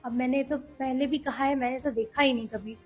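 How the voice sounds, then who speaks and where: High-voiced young woman, earnest interview guest. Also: fairly even intonation, darkish tone, breathy edge, soft background music, poor audio. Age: young adult. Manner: earnest, measured, frequent hesitations. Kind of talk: political interview.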